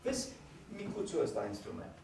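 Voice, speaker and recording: A man's voice: on the low side, big pitch swings, gravelly. Man acting an old king raging at a storm. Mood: mocking. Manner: declaiming, shouting, theatrical. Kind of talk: live stage acting. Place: theatre stage. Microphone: distant room mic. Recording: echoey hall from far off.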